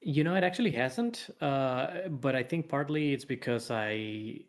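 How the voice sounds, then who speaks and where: This interview guest, a comic author and animation artist, chats on a livestream in a mid-range voice with lively intonation. He talks a little slowly, rambling a bit and thinking aloud as he explains.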